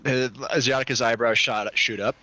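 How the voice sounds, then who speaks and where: A man narrating and running a tabletop role-play as game master, in a lively, brisk way. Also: mid-range voice, no room sound.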